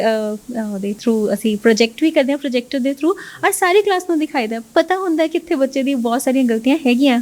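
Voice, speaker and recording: High-voiced woman teacher. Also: a little mellow. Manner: mixes English phrases into Punjabi, keeps asking "right?". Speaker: English teacher, interview guest. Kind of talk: explanatory interview answers.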